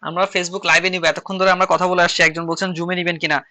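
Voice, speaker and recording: A man's voice: sits high, little pitch movement, rapid-fire, pushed and bright. A man with a Chittagong Bengali accent teaching an online shorthand class, explaining rules step by step and repeating key phrases as he writes on slides.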